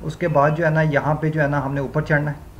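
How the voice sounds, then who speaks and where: A man's voice: fairly high pitch, level tone, fairly quick, muffled recording. A man hosting a gaming channel, talking viewers through gameplay step by step and leaning on the same filler phrases again and again. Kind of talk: gameplay walkthrough commentary.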